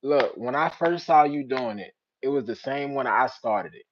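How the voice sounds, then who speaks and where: A young man with a Richmond, Virginia accent, hosting a casual live-stream chat with viewers. He uses street slang and breaks into loud teasing. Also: mid-range voice, animated, normal speed, muffled recording. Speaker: channel host.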